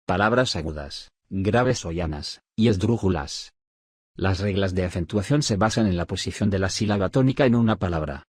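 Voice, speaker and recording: Deep husky male lesson narrator. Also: lively intonation, no room sound, studio quality. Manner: measured, list-like dictation with pauses. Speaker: audiobook narrator of a study syllabus. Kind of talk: scripted reading of spelling rules.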